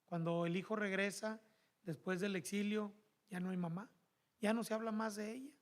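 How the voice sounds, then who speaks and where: A man with a Mexican accent preaching a sermon in church, animated and calling the congregation brothers. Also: sits high, normal speed. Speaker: pastor.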